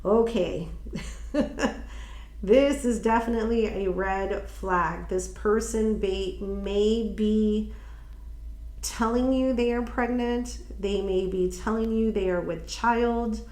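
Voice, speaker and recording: Slowly musing through a casual tarot reading, a woman fills her talk with ums and restarts, sounding a little nasal and stuffy from allergies. Her medium-pitched voice is warm with fairly even intonation, and the room has an echo.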